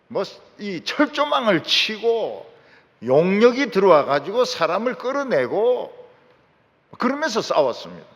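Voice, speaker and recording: Emphatic preacher in a big hall. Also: male voice, fairly high pitch. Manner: emphatic, repeating key phrases, lively rising and falling delivery. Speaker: pastor. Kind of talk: sermon. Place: large church sanctuary. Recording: long hall reverb in a large sanctuary.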